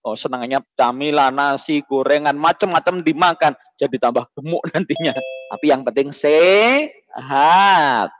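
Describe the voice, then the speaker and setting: A man's voice: fairly high pitch, unhurried. Joking man talking to schoolkids. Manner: jokey and teasing, with animated call-and-response questions. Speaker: children's presenter at a school holiday event. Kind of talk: playful talk to schoolchildren. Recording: dull lo-fi, dry sound.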